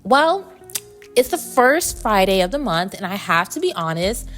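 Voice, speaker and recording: A woman's voice: mid-range voice, sing-song, a little slow, a bit bright, soft background music. A woman hosting a casual, reflective solo podcast, speaking candidly and conversationally, with slightly muffled articulation from braces. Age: adult. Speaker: podcast host.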